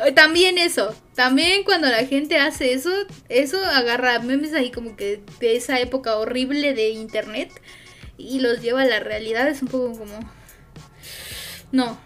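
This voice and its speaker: A young woman chats casually with her stream viewers, her voice sitting high. She rambles through fillers as she reads and answers chat. Soft music plays faintly in the background. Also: moderate pace.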